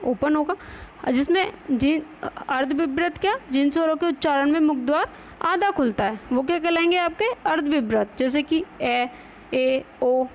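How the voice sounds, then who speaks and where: A woman teaching a Hindi grammar lesson, who asks questions and answers them herself and mixes in English words. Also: high-pitched. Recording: dull lo-fi recording with faint noise.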